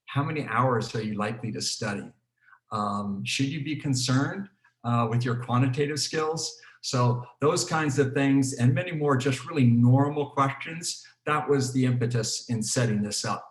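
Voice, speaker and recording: A man's voice: mid-range voice, normal speed. A man hosts an online panel as a program director. He talks loosely, with many fillers and restarts. His video call audio sounds roomy and echoey. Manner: relaxed, with frequent fillers and restarts. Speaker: program director hosting a webinar.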